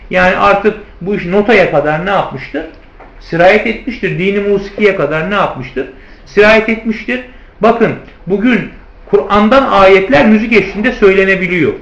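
In a high-pitched, slightly bright voice, a man lectures on hadith commentary as part of a theology lesson. Rhetorical questions come up again and again, each answered by him, and he calls those listening his friends. The audio is roomy and a touch dull.

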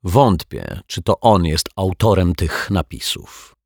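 A calm, thoughtful detective with a good-humoured, measured way of reasoning, as a male storybook narrator puts him on. His voice stays low and husky, recorded dry and close. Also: no echo, full character voice.

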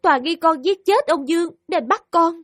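A woman's voice: extremely high pitch, normal speed, no room sound, studio quality, faint music behind. An actress voicing a young woman accused of murder who answers an official with earnest, deferential pleading in an audiobook drama. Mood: distressed.

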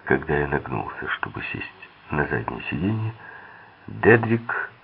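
A man narrates a thriller audiobook in a very deep, gravelly voice with husky edges. His pitch rises and falls a lot, and he gives the characters' quoted lines slightly different tones. The sound is thin and tinny, like a phone line. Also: big pitch swings, measured pace.

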